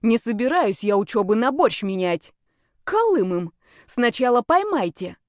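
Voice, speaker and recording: A woman's voice: medium pitch, lively intonation, unhurried, no room sound. A stubborn young witch, as a woman narrator speaks her lines, emphatic and exasperated, pushing her words hard. The sound is dry and close, as in a read audiobook. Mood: indignant. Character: young witch heroine, stubborn and hot-tempered.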